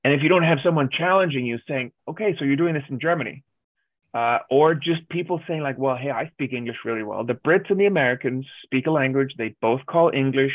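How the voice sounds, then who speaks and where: This Danish business advisor, interviewed as a guest via video call, is direct and forceful and tends to enumerate his points. His mid-range voice moves briskly, with no echo, over a tinny, telephone-style connection.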